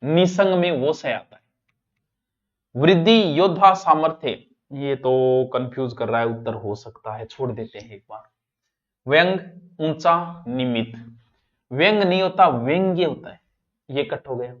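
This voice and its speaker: A male teacher with a Rajasthani accent teaches an exam-prep grammar lesson in an online class, addressing his students directly and shifting between loud and soft. His mid-range voice moves at an unhurried pace, and the audio is dull and lo-fi.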